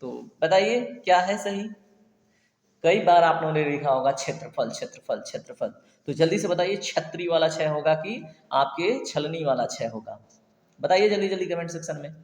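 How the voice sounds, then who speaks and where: Echoey chatty male Hindi tutor. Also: on the high side. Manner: chatty teacher, keeps asking "ठीक है?" and quizzing viewers. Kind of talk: online exam-prep lesson. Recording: echoey room with long reverb.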